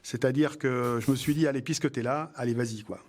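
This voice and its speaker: A man's voice: medium pitch, fairly even intonation, a little fast. A man, a job candidate on a TV show, boastful and sure of himself. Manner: boastful, self-assured. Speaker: job candidate in a televised recruitment exercise.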